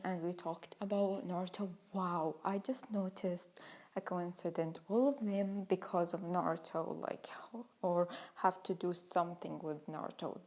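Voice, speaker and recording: Slow, rambling young woman vlogger. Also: fairly low pitch, a little mellow. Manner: rambling, hesitant, with frequent fillers and restarts. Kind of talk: casual story time.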